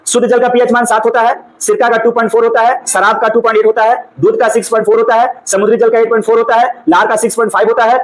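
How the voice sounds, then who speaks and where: A male teacher running a classroom drill, briskly prompting students and urging them to answer louder. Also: very high-pitched, level tone, rough recording. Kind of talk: classroom drill, call-and-response.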